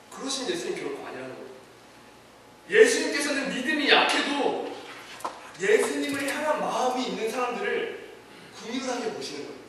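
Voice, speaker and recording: A man's voice: sits high, fairly bright tone, slight background noise. A man preaching a sermon in an earnest, conversational way, often affirming his points with a short "yes". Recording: echoey hall, distant mic.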